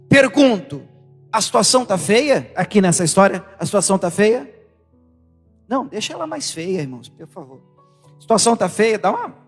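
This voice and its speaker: High-voiced Brazilian pastor preaching emphatically. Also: male voice, breathy edge, long reverb tail. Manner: animated, emphatic, with rhetorical questions to the congregation. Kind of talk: sermon. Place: church hall.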